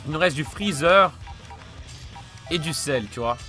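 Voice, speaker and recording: A young man commenting on his own fighting game play, swearing and yelling at the screen, then muttering. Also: a little high, expressive, a little slow. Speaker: let's play gamer. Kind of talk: frantic let's play commentary. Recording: game music behind the voice.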